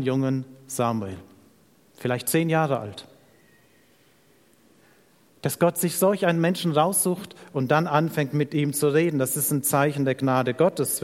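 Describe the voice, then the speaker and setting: A man preaching a sermon, telling a Bible story in an animated way that slows down for emphasis and drops to soft, quiet lines. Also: a little high. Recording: long reverb of a large hall.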